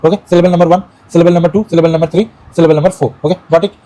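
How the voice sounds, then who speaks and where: A man's voice: on the high side, level tone, rapid-fire, mellow, low-quality recording. A man with a Bangladeshi Bengali accent teaching English syllable rules, repeating key phrases and quizzing the viewer. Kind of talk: online lesson.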